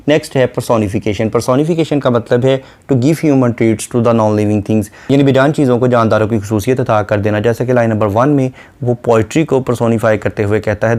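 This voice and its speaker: A man giving a poetry lecture. He reads each English verse line slowly, then explains it in Urdu-flavoured Hindi, and goes through literary terms in a brisk, methodical way. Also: medium pitch, a little mellow.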